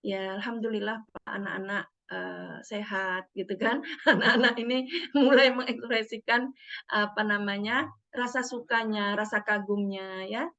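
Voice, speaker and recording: A middle-aged woman psychologist tells stories at a parenting seminar, animatedly acting out the quoted dialogue. Her voice is mid-range and her pace measured, while the recording sounds dull, muffled and lo-fi.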